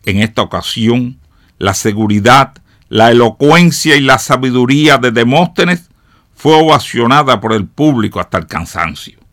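A man, a radio educator, telling a motivational story to his listeners in slow, emphatic declamation. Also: medium pitch, expressive, fairly bright tone, no room sound, studio quality.

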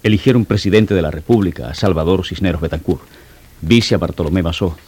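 A proud citizen passing on political news in a radio drama. His voice is very low and husky, and his delivery is emphatic. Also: a little fast, darkish tone. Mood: informative. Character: man spreading political news in a public place, proud.

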